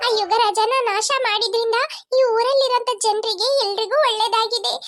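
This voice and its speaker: A woman's voice: very high-pitched, steady tone, normal speed. A woman doing a tender little cartoon kid. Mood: sad. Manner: pleading, sing-song chanting of spells. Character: small cartoon youngster who lost a magic jinn, earnest and tender-hearted. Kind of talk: cartoon voice acting. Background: children's music.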